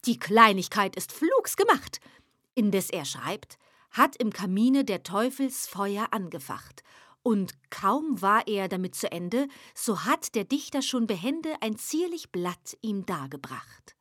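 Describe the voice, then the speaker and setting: A woman giving a measured, rhythmic poetry recitation. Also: mid-range voice, very animated, fairly bright tone, no room sound, clean studio sound. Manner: measured, rhythmic verse reading.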